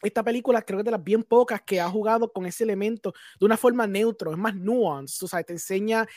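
Fast-talking man speaking Spanglish. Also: high voice, darkish tone, dry recording, studio quality. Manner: Spanglish, mixing English words into Spanish. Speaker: host of a film discussion. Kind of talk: casual chat, film commentary.

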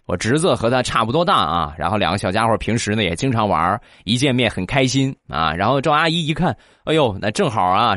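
A man telling short comic anecdotes in a lively storytelling manner, slipping into acted voices. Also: fairly low pitch, dry recording, studio quality. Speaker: comic joke teller.

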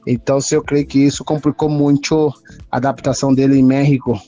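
Speaking a little fast in a warm, mid-range voice with flat delivery, a Brazilian man reminisces casually as an interview guest. A native Portuguese speaker, he switches between Portuguese and Spanish. The recording is dull and lo-fi, with background music.

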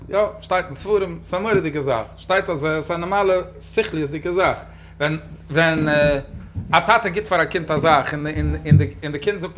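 A man's voice: a little high, a bit bright, slight background noise. A man giving a religious question-and-answer talk, speaking emphatically with sudden raised stresses.

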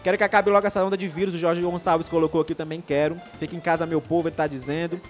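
With faint background music, a young live stream host from Maranhão talks rapid-fire in a fairly high voice with little pitch movement, his Brazilian Portuguese marked by a Maranhão accent. Upbeat and chatty, he reads viewer comments, rambles and keeps restarting sentences.

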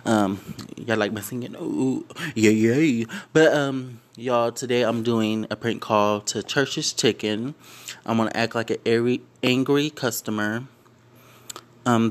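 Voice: medium pitch, unhurried. A YouTube host introducing a prank call in a laid-back, drawling way, full of fillers. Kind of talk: casual video intro.

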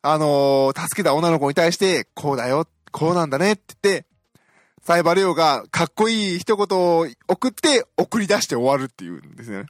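A man's voice: on the high side, animated, brisk, no echo, studio quality. A man hosting a podcast, giving a casual, chatty film review with frequent fillers and self-deprecating fan humor. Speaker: podcast host.

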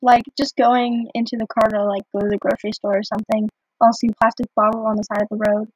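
A woman co-hosting a podcast in a casual, scripted chat, often filling with "like", recorded over a low-quality phone line. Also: flat delivery, fast, darkish tone, breathy edge, no room sound. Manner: chatty, fills with "like". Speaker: podcast co-host. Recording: muffled dry phone-line audio.

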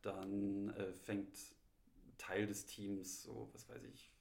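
A man's voice: on the low side, flat delivery, creaky, darkish tone. A man from Munich, a film assistant director, answering interview questions with many hesitations and filler sounds. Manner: hesitant, many ums and pauses. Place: host's living room. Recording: echoey home room.

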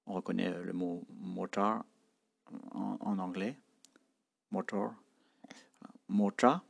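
A man's voice: low voice, little pitch movement, takes it slowly, gravelly, husky. A man teaching a spoken language lesson, saying words and tones one by one, repeating them, and patiently explaining how to pronounce them.

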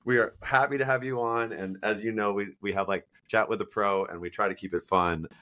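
Teasing man with a low voice. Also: fairly even intonation, a little fast, bright, forceful tone. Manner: playful, teasing, acts out quotes. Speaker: podcast co-host. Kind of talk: casual chat.

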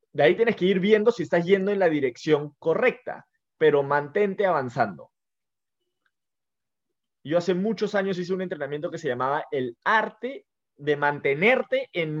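A man's voice: on the high side, animated, unhurried. A man giving a conversational motivational business talk, earnest and often restarting his sentences, on a muffled recording. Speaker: motivational speaker. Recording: muffled lo-fi sound.

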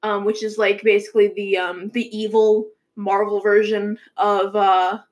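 A woman's voice: medium pitch, little pitch movement, measured pace. A young woman hosting a casual movie news chat, rambling with many fillers and restarts. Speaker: show host.

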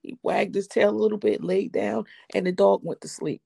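A middle-aged woman earnestly recounting a personal faith testimony, slow and heartfelt, quoting her own prayers. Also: mid-range voice, gravelly, dark tone, slightly rough, dry recording, studio quality. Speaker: widow giving a testimony.

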